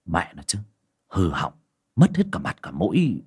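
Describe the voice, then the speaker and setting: A man's voice: deep voice, wildly swooping pitch, a little slow, a little mellow, slightly rough, heavily acted. A man voicing a young exorcist who gives curt, commanding orders. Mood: scolding.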